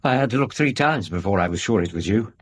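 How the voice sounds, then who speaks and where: An actor playing an earnest Victorian gentleman doctor in a radio drama, speaking politely and questioningly with an English accent. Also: fairly low pitch, expressive, fast, slightly rough. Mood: curious.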